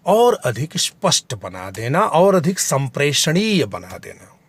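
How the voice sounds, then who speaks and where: A man teaching Hindi grammar in a video lesson, explaining terms deliberately and spelling out examples. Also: a little high, a bit bright, dry recording.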